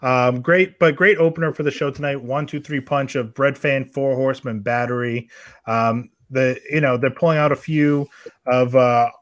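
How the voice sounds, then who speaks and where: A man's voice: mid-range voice, steady tone, normal speed, no echo, clean studio sound. A man from New Hampshire hosting a casual live show, talking in an easygoing way with hesitant fillers. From New Hampshire, USA. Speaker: livestream host. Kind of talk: casual chat.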